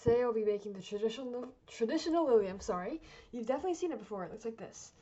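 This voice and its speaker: An origami course instructor speaks with a fairly high pitch and very fast delivery. She gives a casual step-by-step craft tutorial, chatty and rambling, often apologizing and correcting herself. The audio is dull and lo-fi with steady noise.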